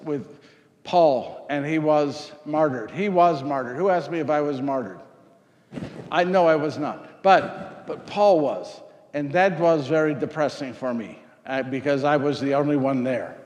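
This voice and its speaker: A man's voice: a little high, natural voice. A man playing Saint Luke as an earnest Greek physician, speaking in character and answering audience questions in a rambling, repetitive way. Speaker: costumed presenter. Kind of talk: first-person character talk with audience. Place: parish hall before an audience. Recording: echoey hall, faint noise.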